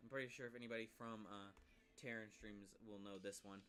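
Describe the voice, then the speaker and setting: Man, live-stream reviewer, casual chat, bright tense tone, frequent asides to viewers. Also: fairly low pitch, fairly even intonation, fairly quick. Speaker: streamer reviewing a game class.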